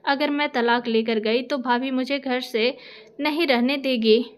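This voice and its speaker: A woman's voice: high-pitched, fairly even intonation, a little slow, clear, resonant tone. A woman reading the lines of a young wife who begs not to be sent away. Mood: pleading. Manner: pleading. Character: young wife, pleading and tearful.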